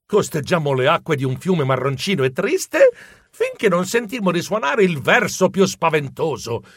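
Male audiobook narrator, very lively, comic delivery, dry close sound. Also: a little high, moderate pace, slightly rough, no echo. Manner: animated, comic and expressive.

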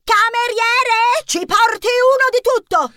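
A man voicing a bossy, impatient young female mouse who talks in a shrill, pushy way in a children's storybook reading. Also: lively intonation, moderate pace, fairly bright tone, no echo, studio quality.

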